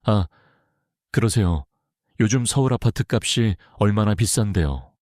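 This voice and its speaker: A man's voice: lowish voice, expressive, measured pace, a little mellow, dry recording, studio quality. A man voicing a rude, sneering young woman who is about to marry, in an audiobook. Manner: sneering, blunt.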